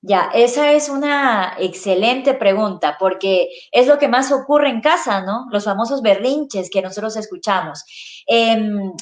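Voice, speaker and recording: A woman's voice: fairly high pitch, a little slow. Woman explaining patiently, echoey room. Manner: patient, explains with rhetorical tags. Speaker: child neuropsychologist guest. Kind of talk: explanatory interview answers.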